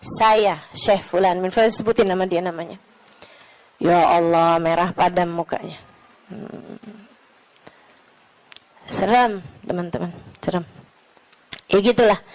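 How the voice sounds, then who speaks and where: A woman preacher giving a gentle, clear sermon that rises into fervent appeals. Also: on the low side, a little slow, pauses often, poor audio.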